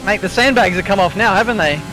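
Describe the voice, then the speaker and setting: A man's voice: high-pitched, quick pace, rough recording. A man bantering playfully with his teammates over group voice chat during a sim race. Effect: heard over group voice chat.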